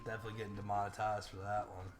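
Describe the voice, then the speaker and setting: A man's voice: on the low side, level tone, rapid-fire, over music. A man co-hosting casual, joking game commentary in a brash, sarcastic, profane manner. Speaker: gaming channel co-host.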